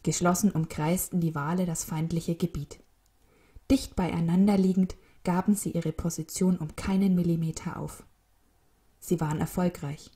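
A woman narrating a short children's story in a calm, even reading manner. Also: fairly low pitch, moderate pace.

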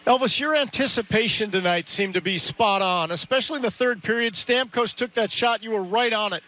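A man's voice: high-pitched, a little fast, sharp tone. A middle-aged man on a headset, interviewing a player live after a game with upbeat, direct questions. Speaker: broadcast interviewer.

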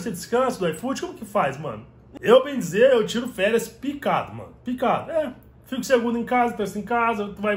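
A man's voice: extremely high pitch, roomy sound. A man, talking casually and animatedly to a phone camera at arm's length in a small room at home. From Brazil. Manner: animated, gesturing, slangy, repeats "mano". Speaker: delivery rider vlogger. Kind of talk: casual vlog talk to camera. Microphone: phone held at arm's length.

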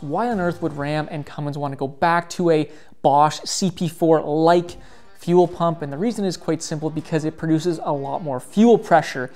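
A man in his thirties, a diesel mechanic, talking energetically in a vlog from a truck repair shop. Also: on the high side. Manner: energetic, emphatic, talks with his hands. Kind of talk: explanatory vlog talk.

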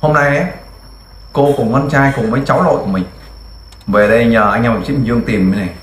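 A man's voice: mid-range voice, fairly even intonation, fast, echoey room, a little hiss or hum. A man in the field interviewing a family, asking direct, coaxing questions. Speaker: volunteer interviewer.

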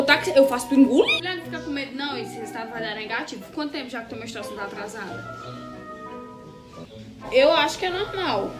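A woman acting out comedy sketches, blunt and sarcastic, flipping from sweet baby talk to threats. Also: high-pitched. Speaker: comedy sketch performer playing a nurse and a lifeguard. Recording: echoey room with loud music.

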